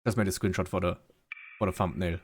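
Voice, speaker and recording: A man's voice: low-pitched, steady tone, fast talker. A man playing through a visual novel, reading its lines aloud with feeling and breaking off for his own asides. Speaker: let's play gamer. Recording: music playing clearly behind.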